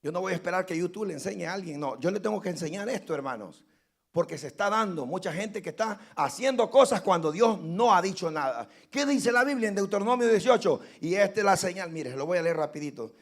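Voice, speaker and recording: A man preaching a sermon as pastor, calling his listeners brothers and driving points home with loud repeated lines. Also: sits high, expressive, a little fast. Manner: preaching with sudden loud emphasis and repeated phrases.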